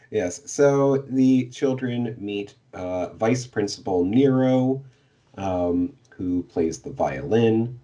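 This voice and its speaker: A man's voice: on the low side, animated, very slow, warm tone, highs cut off. A man co-hosting a podcast, summing up a book's plot in casual chat, hesitant with many fillers and little laughs. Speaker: podcast co-host giving the plot summary.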